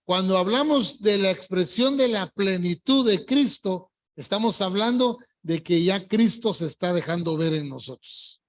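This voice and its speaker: A man's voice: high-pitched, lively intonation. Older man, pastor, sermon delivery, emphatic, drags out key words. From Colombia. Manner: emphatic preaching, stretching key words slowly. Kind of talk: evangelical sermon. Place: church service.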